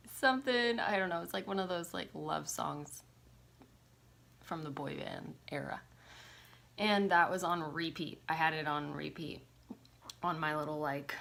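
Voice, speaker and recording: A woman's voice: low-pitched, fairly even intonation, measured pace, vocal fry, fairly bright tone. A woman vlogger telling a personal story to camera, in a casual, confessional way with many filler words and casual swearing.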